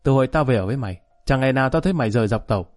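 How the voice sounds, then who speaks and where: A man's voice: medium pitch, animated, rapid-fire, darkish tone, faint music behind, lightly acted. A man reading an earnest worried gangster. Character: earnest young male gangster friend, worried.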